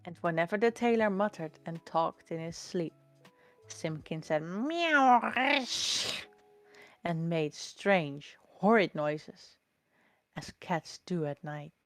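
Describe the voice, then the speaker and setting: Slow gentle woman reading a storybook. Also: deep voice, no room sound, faint music behind. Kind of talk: reading a children's storybook aloud.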